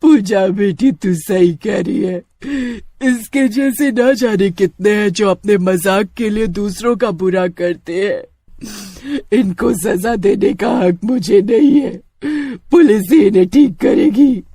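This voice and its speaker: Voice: mid-range voice, slow pace, mellow, dry recording, clean studio sound. A narrator voicing a vengeful cackling female witch ghost in a cartoon story, with menacing threats. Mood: gentle.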